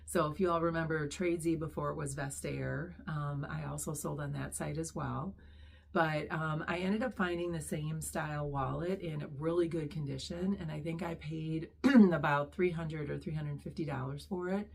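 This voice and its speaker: A middle-aged woman, hoarse after losing her voice, chatting casually as she introduces her reselling channel with many pauses and ums. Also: deep voice, steady tone. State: hoarse, recovering lost voice. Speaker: online reseller, channel host.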